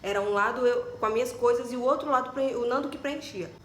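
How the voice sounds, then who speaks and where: A young woman from Brazil talks in a lively, chatty way, dropping casual fillers as she tells her story. Her voice sits a bit high. The sound carries a clear echo from the room, with faint ambient noise behind her. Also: fast. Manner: chatty and animated, many fillers like "tipo" and "né". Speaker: vlogger.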